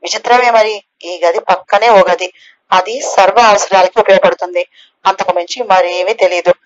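A woman's voice: mid-range voice, steady tone, moderate pace. A woman reading a novel aloud as an audiobook narrator, lifting her voice a little for the characters' lines. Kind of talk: scripted narration of a novel, voicing all characters. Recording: slightly dull, lo-fi recording.

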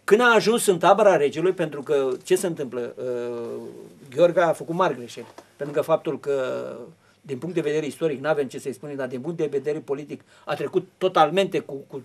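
A man speaks on a television studio discussion. He explains history in long, winding sentences with frequent hesitations and restarts. His voice sits somewhat high for a man. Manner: long rambling explanations with many fillers and restarts.

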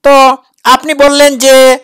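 A woman's voice: high voice, monotone, takes it slowly. A woman giving reaction commentary in a mocking, sarcastic and challenging way. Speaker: critic reacting to a preacher's clip.

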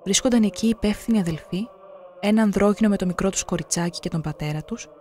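Solemn documentary narrator, mid-pitched. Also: a little mellow.

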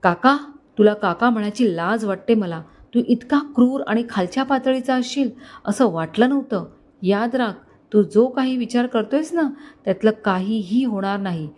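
A brave young heroine speaks out in a raised, higher voice, indignant and unbending, as a woman narrator acts her out. The storybook figure sounds defiant and firm. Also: moderate pace, darkish tone, close to an everyday voice.

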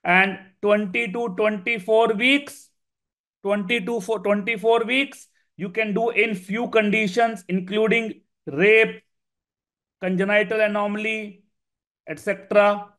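Casting: male exam tutor, thirties, North Indian accent, high voice, emphatic and informal, code-switches into Hindi. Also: steady tone, takes it slowly, a bit bright. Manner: emphatic, repeats key phrases for students. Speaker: medical exam instructor. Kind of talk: informal explanatory lecture mixing English and Hindi.

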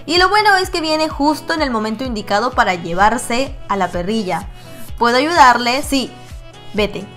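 A woman's voice: fairly high pitch, animated, a little fast, few pauses, fairly bright tone, soft background music. A young woman, reading a dating game's lines aloud and chatting playfully about them. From Mexico. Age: 20s. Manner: playful, voices the characters, laughs often. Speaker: gaming YouTuber.

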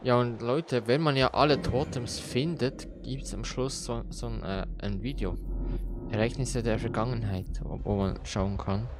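A man's voice: medium pitch, normal speed, background noise. A man giving casual horror game commentary as a streamer, scared and jumpy, muttering exclamations. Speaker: gaming streamer, let's play host. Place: small cluttered room at home.

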